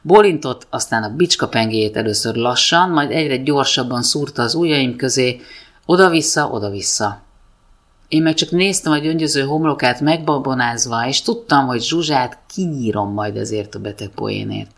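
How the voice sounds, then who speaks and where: A woman's voice: extremely low pitch, hardly any pauses. A woman reading her own humorous first-person story aloud, with a dry, wry comic delivery.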